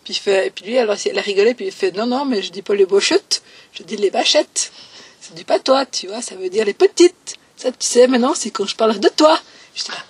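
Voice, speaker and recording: A woman in her twenties from Valais, Switzerland, gives a personal testimony as an interviewee, hesitant, with many fillers and phrases that trail off. Her medium-pitched voice is a little fast and slightly rough, picked up by a distant mic.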